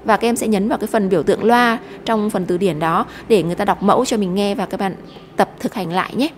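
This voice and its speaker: A woman's voice: mid-range voice, quick pace, in a large hall, slight background noise. A Vietnamese woman teaching an English lesson to children, explaining patiently and step by step.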